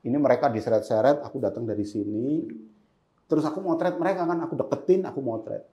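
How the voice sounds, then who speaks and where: Male guest, vivid storyteller, middle pitch, roomy podcast sound. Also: fast, muffled recording. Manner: vivid storyteller, acts out his own past words. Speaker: photojournalist guest. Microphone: podcast microphone. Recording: roomy echo.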